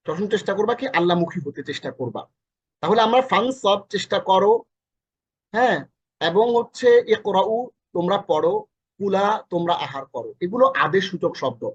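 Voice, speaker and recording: A Quran teacher with a fairly high voice and a Bangladeshi Bengali accent gives a recorded lesson explaining Arabic verses, going over each meaning several times and correcting his own slips mid-lesson. He speaks briskly with lively intonation and slight breathiness, and the audio is dull and lo-fi.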